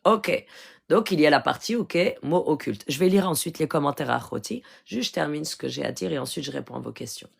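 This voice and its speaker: A deep, husky female voice with vocal fry, moving a little fast. The speaker, a spiritual healer from Morocco, chats casually over a phone live stream while teaching earnestly, and she keeps asking her listeners "d'accord?" to make sure they follow.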